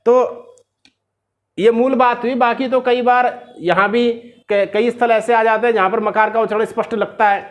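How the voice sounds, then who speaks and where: A man with a North Indian accent teaching Sanskrit grammar, drilling his student with repeated questions and slowing down to recite the rules. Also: very high voice, fairly even intonation. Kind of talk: question-and-answer grammar lesson.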